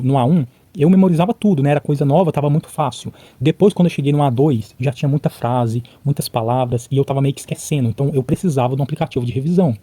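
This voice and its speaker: A man from Brazil talks fast in a casual vlog, often ending his thoughts with quick check-ins to the viewer. His voice is dark and mellow, a little high for a man. The sound is dry and close. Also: slightly rough, dry recording. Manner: chatty, frequent "tá?" and "né?" check-ins; replays conversations by imitating both sides. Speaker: vlogger. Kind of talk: casual talk to camera about learning English.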